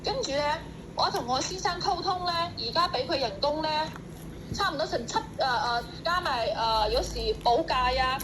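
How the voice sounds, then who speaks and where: Insistent high-voiced woman employer. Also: animated, moderate pace, noisy background. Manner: insistent, repetitive. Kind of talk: complaining phone call.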